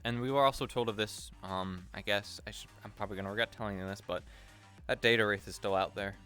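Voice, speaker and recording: A man's voice: lowish voice, steady tone, fast talker, sharp tone, faint music behind. Rambling, swearing man in roleplay. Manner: rambling, profane, many restarts. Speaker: roleplay streamer. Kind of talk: casual in-character roleplay.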